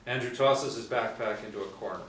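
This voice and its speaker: At a table read, a middle-aged man narrates the scripted stage directions in a brisk, lowish, somewhat bright voice. He sits in a small indoor room reading from a tablet, and the distant mic picks up echo and faint noise.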